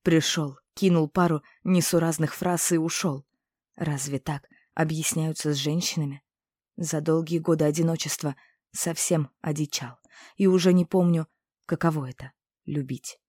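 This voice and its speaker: Low, mellow woman reading a story. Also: normal speed, no room sound, clean studio sound. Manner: calm, emotive dramatic reading. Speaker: audiobook narrator. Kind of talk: first-person audiobook narration.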